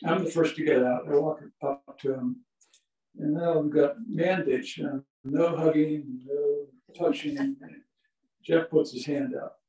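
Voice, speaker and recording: In a small indoor museum meeting room, an older man delivers a chatty lecture full of anecdotes, chuckling now and then at his own stories. His voice is fairly high, mellow and steady, and a little slow. A distant camera with no visible mic captures him, so the room sounds echoey and far off.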